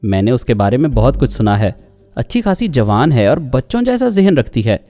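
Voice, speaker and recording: A man's voice: medium pitch, big pitch swings, normal speed, mellow, faint music behind, close to an everyday voice. A man voicing a proud, jealous young woman who talks insistently and indignantly.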